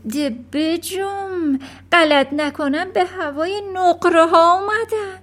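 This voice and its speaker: A woman's voice: very high voice, a bit bright, voice pushed up. A woman reading a children's storybook aloud, voicing a frightened middle-aged mother who panics and shrieks. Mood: alarmed. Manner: panicky, shrieking and whispering in turns.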